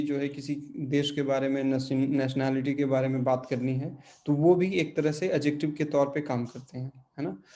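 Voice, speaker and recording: A man's voice: mid-range voice, warm tone. A man teaching a language class online, explaining grammar patiently and checking often that his students follow.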